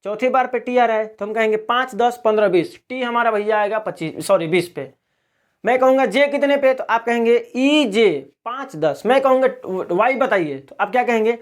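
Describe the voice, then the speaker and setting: In a video lesson styled like a classroom, a Bihari man runs a Q&A drill, asking every question and supplying the answer himself. He speaks at a normal speed in a very high-pitched voice.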